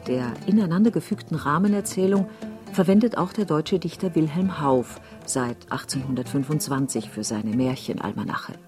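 Low dark-voiced female documentary narrator. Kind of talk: scripted narration.

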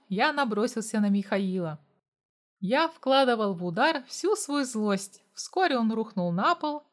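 A woman reading a first-person audiobook story aloud in a dramatic, even-paced storytelling manner. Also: fairly high pitch. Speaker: audiobook reader.

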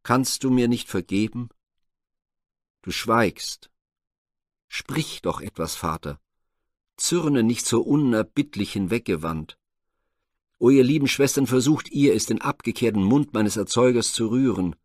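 A man's voice: mid-range voice, animated, a little slow, pauses often, darkish tone, no echo, clean studio sound. A man voicing a grown son who pleads remorsefully with his father in a spoken myth retelling. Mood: pleading. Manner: imploring, tearful pleading.

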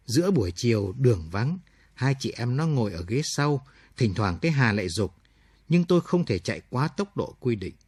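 A male storyteller reads a late-night radio story in a measured, somber voice. His tone is husky and sits at an ordinary pitch. The recording is dry, with no room sound. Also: sing-song, darkish tone, no echo. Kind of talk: scripted narration of a radio story.

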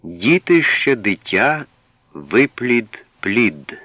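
A man giving a measured, explanatory scripted reading of a language usage guide, setting apart single words as he goes. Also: medium pitch, very animated, bright, forceful tone, no room sound, dull audio.

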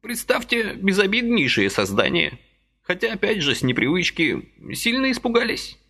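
A man voicing a frail, fussy old man who pleads gently and apologetically in a high, fluttering voice. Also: sing-song, normal speed, slightly rough, exaggerated voice.

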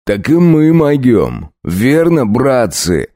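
A man playing a mocking, brutal werewolf bandit leader who talks slowly and sneers. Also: medium pitch, big pitch swings, mellow, dry recording, studio quality, voice pushed up. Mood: sneering. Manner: slow, sneering, gloating.

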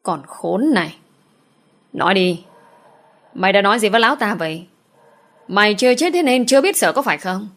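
A woman's voice: mid-range voice, normal speed, long pauses, close to an everyday voice. A woman voicing a young woman who pleads through sobs and threatens through gritted teeth. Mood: furious. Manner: sobbing pleas, then teeth-gritted threats. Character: young woman, tearful then vicious.

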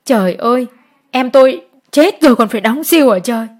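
A woman's voice: on the high side, moderate pace, darkish tone, natural voice. A woman voicing a poor peasant wife who pleads and cries over taxes she cannot pay. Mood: wailing. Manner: pleading, sobbing.

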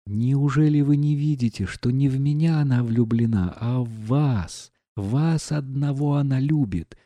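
Мужчина-чтец, озвучивающий гордую страстную молодую дворянку, говорит взволнованно и с упрёком. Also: male voice, mid-range voice, unhurried, warm tone, dry recording, lightly acted. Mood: reproachful. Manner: agitated, reproachful questioning. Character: proud passionate young noblewoman.

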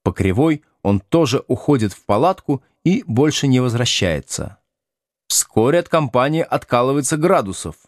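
Man, audiobook narration, lively pitch, dry studio sound. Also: moderate pace, no room sound. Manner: lively, acts out the dialogue. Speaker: audiobook reader.

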